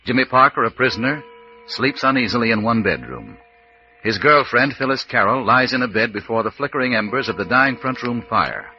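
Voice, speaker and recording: A man's voice: mid-range voice, lively intonation, brisk. A man narrating a scripted old-time radio mystery as announcer, solemn and dramatic. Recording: muffled lo-fi radio recording with hiss.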